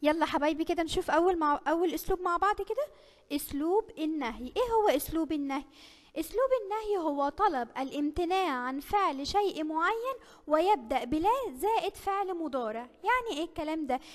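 Egyptian woman, primary teacher, fast and high, slight room reverb, quizzes kids as she explains. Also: lively intonation. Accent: Egyptian Arabic. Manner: warm, coaxing teacher tone with many rhetorical questions. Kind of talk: recorded online lesson for children.

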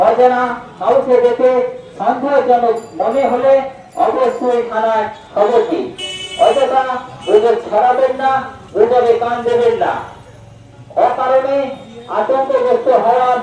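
Police announcer, male, very high voice, outdoor loudspeaker, distant and echoey, slow phrase-by-phrase delivery. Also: flat delivery, faint music behind. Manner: slow, measured, short phrases with pauses. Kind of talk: public safety announcement. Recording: echoey loudspeaker heard from far off.

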